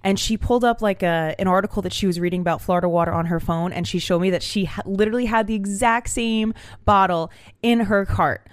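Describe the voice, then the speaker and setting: A young woman talks straight to her camera from a small room at home, telling a story in a chatty, animated way full of fillers. Her voice sits at a middling pitch, and the sound is close and dry with no room echo. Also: a little fast. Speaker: vlogger. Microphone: camera mic.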